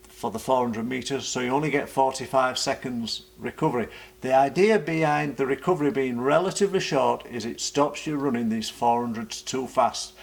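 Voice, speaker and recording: A British man giving an informal vlog explanation as a running coach, speaking haltingly and often repeating words. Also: medium pitch, vocal fry.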